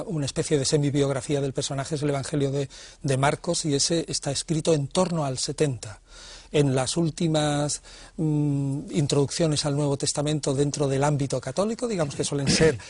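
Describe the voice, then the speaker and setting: A man speaking as an expert guest in a studio discussion, explaining in a calm, precise way. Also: fairly high pitch, husky, no echo.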